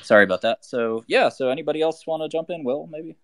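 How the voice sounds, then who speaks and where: Speaking fast in a fairly high, fairly bright voice, the Albanian host of a live audio chat rambles along, constantly restarting and leaning on fillers. A little background noise can be heard.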